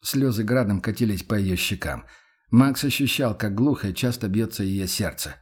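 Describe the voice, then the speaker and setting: Man, audiobook narrator, measured, dramatic, husky. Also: fairly low pitch. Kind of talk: scripted narration.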